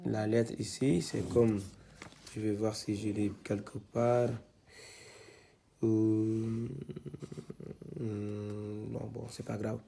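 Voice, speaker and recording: A man teaching Quran reading, spelling out syllables one by one, halting and repeating himself with many fillers. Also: lowish voice, monotone, vocal fry, warm tone, a little hiss or hum. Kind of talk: step-by-step lesson, spelling out syllables.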